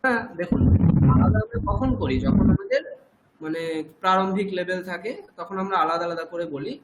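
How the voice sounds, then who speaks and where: A man's voice: high-pitched, normal speed, reverberant, very noisy. A man with a Bengali accent teaching an online Sanskrit chanting class, patiently explaining and prompting his students.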